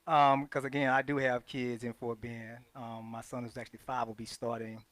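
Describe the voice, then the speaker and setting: A young man co-hosting, playful and quick to laugh. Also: mid-range voice, flat delivery, fairly bright tone, dry recording. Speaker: co-host. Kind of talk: casual chat.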